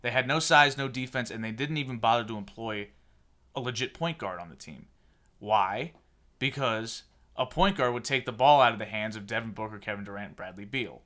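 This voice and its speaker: A man's voice: mid-range voice, a little fast, bright, forceful tone. A man in his thirties hosting a casual sports podcast, opinionated and sarcastic as he rants. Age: 30s. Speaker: podcast host.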